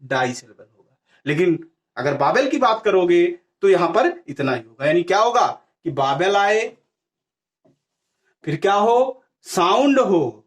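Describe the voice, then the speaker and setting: High-voiced man teaching a grammar class. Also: big pitch swings, unhurried. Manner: asks questions and answers them himself, repeating key words.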